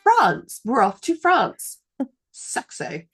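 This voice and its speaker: A woman in her thirties co-hosting a podcast in casual chat, animated and quick to swear when indignant. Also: high-pitched, slightly rough, faint music behind. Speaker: podcast co-host.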